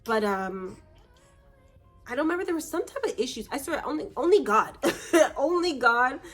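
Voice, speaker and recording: A woman's voice: high-pitched, big pitch swings, moderate pace, fairly bright tone, faint music behind. A young woman from Canada telling a story to camera in a casual vlog, chatty and acting out the voices of the people in her story. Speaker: vlogger.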